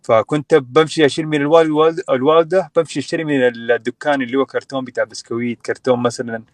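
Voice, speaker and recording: A man's voice: medium pitch, steady tone, very fast, no room sound. A young man from Sudan telling his story as a guest in a casual online chat, with many fillers and restarts. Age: young adult.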